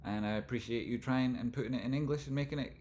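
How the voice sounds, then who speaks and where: A man with a broad Scottish accent hosting a livestream, talking informally and loosely, not always crisply enunciated, as he comments on charts and chats with viewers. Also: mid-range voice, fast talker, darkish tone, slight background noise. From Scotland. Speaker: livestream host and trading analyst. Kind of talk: live chart commentary and casual chat with viewers.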